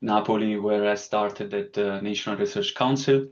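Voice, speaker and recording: A man's voice: on the low side, moderate pace. A man from Italy with an Italian accent, giving a technical online lecture in a careful, explanatory way with frequent fillers. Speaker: webinar speaker. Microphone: video call. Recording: dull lo-fi call audio.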